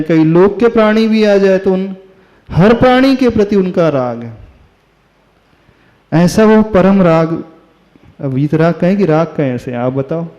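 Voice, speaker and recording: A man, a Jain monk, delivering a devotional sermon, asking his listeners questions and chanting verses slowly. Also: high-pitched, dark tone. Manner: slow, asks the audience questions. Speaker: Jain monk giving a discourse. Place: hall with listeners. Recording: reverberant hall, dull lo-fi sound.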